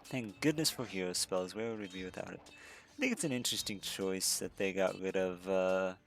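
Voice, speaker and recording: A man with a deep voice speaks at normal speed over soft background music, casually commenting on his gameplay. He rambles as a let's-play commentator, often restarting, correcting himself and using fillers.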